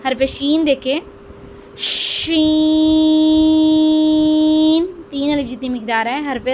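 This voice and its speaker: A woman teaching Quran reading in a slow step-by-step lesson, drawing out each letter sound and answering her own questions. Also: high voice, fairly even intonation, loud music behind the voice. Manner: drills letters aloud, drawn out and stressed; asks questions then answers them herself.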